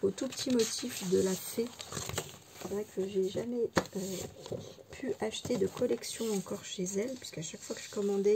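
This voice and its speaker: A woman vlogger showing her scrapbooking purchases in a chatty, fond way, full of little fillers, sometimes dropping to a soft near-whisper. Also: medium pitch, gravelly, background noise. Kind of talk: casual haul show-and-tell.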